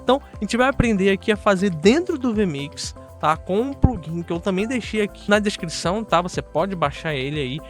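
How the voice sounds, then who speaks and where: With faint music in the background, a man whose voice sits high walks viewers through audio software on his tutorial channel, speaking fairly quickly and animatedly with few pauses. His Brazilian Portuguese accent comes through as he chats casually and often checks in with brief tag questions.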